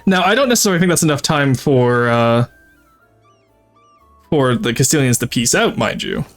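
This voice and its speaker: A male game streamer gives casual live commentary in a medium-pitched voice. He thinks aloud as he plans and speaks to his chat. Music plays behind his voice. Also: lively intonation, moderate pace. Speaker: streamer, VTuber.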